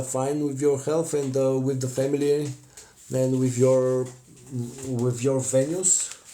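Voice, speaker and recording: A man in his thirties from Bulgaria, with a Bulgarian accent, chatting casually with viewers on a phone live stream while he paints at a home craft table, often pausing with "uh". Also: mid-range voice, a little hiss or hum. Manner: chatty, warm thanks to viewers, frequent "uh" pauses. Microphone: phone camera close in front.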